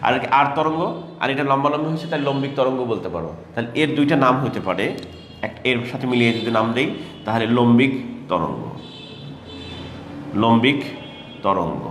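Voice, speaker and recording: A man's voice: mid-range voice, expressive, fast talker, fairly bright tone, a little hiss or hum. A man teaching a classroom lecture for exam prep, asking questions and answering them himself, calling on students by name and repeating key terms. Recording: roomy hall echo with faint ambience.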